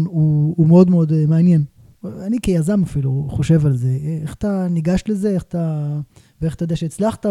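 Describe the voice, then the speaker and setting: A male podcast host with a slightly high but very dark voice. He thinks aloud in long, winding sentences during a casual interview, recorded dry and close to the mic. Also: no echo.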